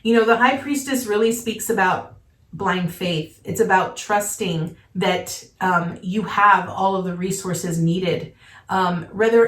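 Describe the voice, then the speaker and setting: Recorded off-mic in a room with noticeable echo, a woman with a mid-range voice offers a relaxed tarot reading. Congestion roughens her voice a little, yet she stays sincere and comforting, frequently asking "okay?"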